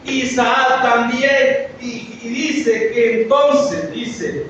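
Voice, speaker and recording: A man's voice: extremely high pitch, steady tone, very slow, distant mic. A man preaching a sermon as a pastor, earnest and story-driven, drawing out his words for emphasis. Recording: echoey, dull, noisy from afar.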